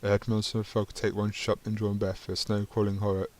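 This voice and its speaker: A man's voice: on the low side, flat delivery, a little fast, darkish tone. A man reading a narrative game's text aloud, stumbling over words and adding dry asides of his own. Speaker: gaming channel host.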